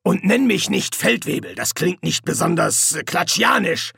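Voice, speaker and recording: Bumbling pompous sergeant guy, raspy and gravelly, pitched way up, a man reading it. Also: big pitch swings, normal speed, bright, forceful tone, no room sound, studio quality, exaggerated voice. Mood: blustering. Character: bumbling portly middle-aged male army sergeant. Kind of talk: audiobook character voice.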